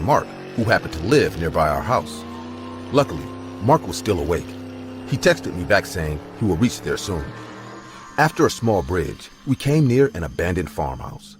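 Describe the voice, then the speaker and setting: A man with a very deep voice tells a scripted horror story, his pitch swinging lively from line to line. He reads in a dramatic storytelling manner, with faint music running beneath him. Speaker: narrator.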